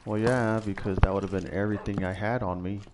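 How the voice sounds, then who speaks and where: Gamer dad: very deep voice, dry teasing humor, relaxed let's-play chatter. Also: male voice, fast talker, noisy background. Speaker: let's-play host playing with his child. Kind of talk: casual gaming commentary. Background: loud game music.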